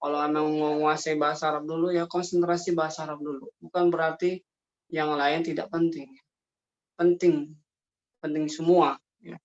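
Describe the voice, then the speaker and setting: A man's voice: a little high, flat delivery, moderate pace, long pauses, lo-fi sound. A man teaching an online Arabic class, correcting his students' vocabulary and mixing Arabic phrases into Indonesian.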